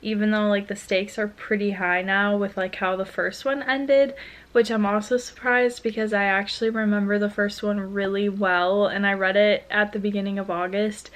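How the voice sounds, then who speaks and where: A woman's voice: medium pitch, normal speed. Gushing young woman book vlogger. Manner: gushing, excitable. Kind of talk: casual vlog chat. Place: at home.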